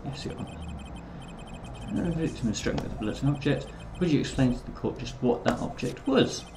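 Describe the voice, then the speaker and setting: A man voicing a stern older male judge in a courtroom game, asking formal, measured questions. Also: medium pitch, animated, background noise, close to an everyday voice.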